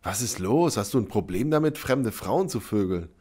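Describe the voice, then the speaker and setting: A man's voice: lowish voice, expressive, moderate pace, slightly rough. A man voicing a scornful, brash young woman. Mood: teasing. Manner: mocking, then shouting in fury.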